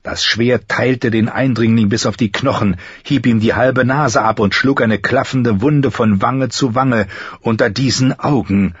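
A man's voice: medium pitch, unhurried, breathy edge, no room sound, lo-fi sound. A man narrating a fantasy audiobook with tense, vivid storytelling. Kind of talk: dramatic fantasy audiobook reading.

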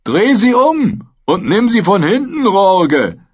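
A man's voice: high voice, sing-song, slow pace, husky, pitched above the performer's own voice, full character voice. A man voicing a leering male spearman mercenary who goads the others on. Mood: goading. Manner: crude, goading. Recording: dull lo-fi recording.

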